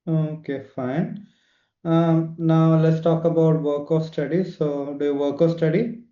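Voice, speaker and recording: A man plays the examiner in a speaking test, asking brief formal questions. His voice is very dark and mellow and sits slightly high. The recording sounds roomy and dull. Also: steady tone, unhurried. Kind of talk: interview questions.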